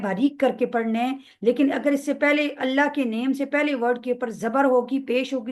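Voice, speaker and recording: A woman with a Pakistani Urdu accent giving a recitation lesson, explaining and then reciting passages slowly and drawn out. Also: on the high side. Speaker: teacher of prayer recitation.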